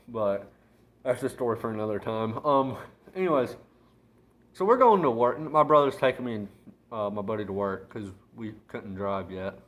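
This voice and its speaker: Young male vlogger, mid pitch with lively swings, slangy and crude, dip tucked in his lip. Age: young adult. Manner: talks with chewing tobacco packed in his lip. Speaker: video blogger. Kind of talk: casual rambling vlog.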